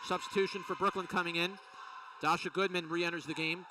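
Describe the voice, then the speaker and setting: A man calling a college women's basketball game play by play, with rapid, excited calls of each play. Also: sits high. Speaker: play-by-play announcer. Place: college gym. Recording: distant mic with faint gym noise.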